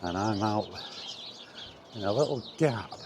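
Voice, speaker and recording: Fairly low in pitch, this man sounds animated yet unhurried as he walks and talks to his camera on a windy path. He rambles, jokes at his own expense, and lets out mild swearing in exasperation, with the outdoor camera audio full of wind and background noise.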